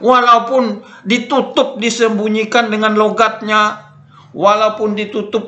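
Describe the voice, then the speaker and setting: An older man giving an informal spoken lecture, repeating his points and filling pauses with "nah" and "eh". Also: high voice, bright, forceful tone. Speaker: lecturer on Dayak Ngaju language. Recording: echoey room.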